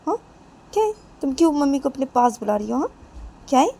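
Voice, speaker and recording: A woman voicing an excitable, bossy young woman in a storybook tale, talking loudly in rapid questions. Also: mid-range voice, creaky, slight background noise. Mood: teasing.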